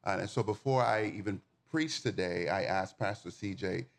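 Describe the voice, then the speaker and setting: Speaking straight to the congregation, this guest preacher, a Bahamian man in his forties who manages a nonprofit community, keeps his sermon relaxed and folksy. His voice sits low, with vocal fry, at a normal speed.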